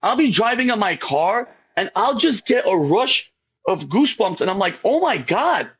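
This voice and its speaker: A man's voice: high voice, lively intonation, normal speed, a bit bright, slightly rough, highs cut off. A man giving an emotional faith testimony as a podcast guest, rambling and repeating himself, often calling the host by name.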